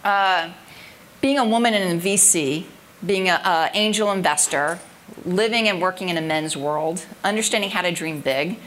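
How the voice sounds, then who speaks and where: A woman's voice: lowish voice, normal speed, a bit bright, a little hiss or hum. Upbeat woman moderating a live panel. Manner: upbeat, effusive, chatty with fillers. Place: event stage before an audience.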